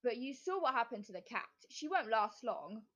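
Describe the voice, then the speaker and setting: A woman's voice: on the high side, very animated, moderate pace, fairly bright tone, heavily acted. A woman voicing a scheming, spiteful witch in a storybook reading, bossy and gloating. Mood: sneering. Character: scheming, spiteful female witch who cackles.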